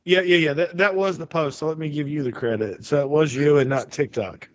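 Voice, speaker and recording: A man's voice: on the high side, brisk, slight background noise. A man in his forties telling a rambling story in casual chat, full of restarts and stammers. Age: 40s. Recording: dull lo-fi sound.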